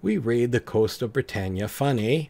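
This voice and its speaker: A man's voice: medium pitch, expressive, normal speed, warm tone, slight background noise, close to an everyday voice. Man reading as a boastful pirate sailor. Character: swaggering male pirate sailor from an old computer game.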